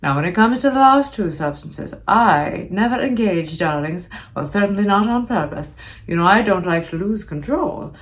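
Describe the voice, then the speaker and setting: A woman's voice: mid-range voice, lively intonation, moderate pace, natural voice. A woman playing a vain, ghostly old-time movie star, hosting a comic podcast with campy, arch, drag-queen grandness. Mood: boastful, arch. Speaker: podcast host. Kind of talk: comic in-character podcast monologue.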